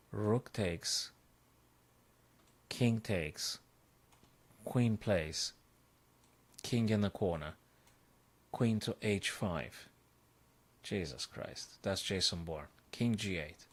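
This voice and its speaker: A man with a very low voice talks his way through chess puzzles on a live stream. He thinks aloud in short bursts, repeats phrases and breaks into excited outbursts. He sounds like a coach working out each move in real time.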